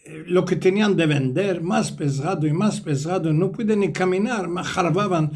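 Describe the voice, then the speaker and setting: A man's voice: high-pitched, moderate pace, a little mellow. A man with a Ladino accent voicing a worn-out old horse who mournfully recounts his hardships. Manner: mournful, repeating itself. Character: weary overworked old horse, male.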